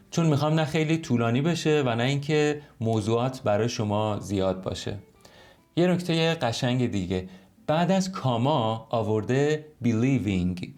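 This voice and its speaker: Male English teacher, mid pitch, patient explainer who slows down for example sentences. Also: a little mellow. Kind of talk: online language lesson.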